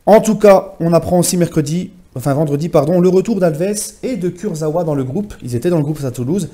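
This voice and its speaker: A man's voice: fairly high pitch, brisk, mellow. A man recapping a week of football club news in a casual vlog, talking to his viewers as friends and using many fillers. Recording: home vlog.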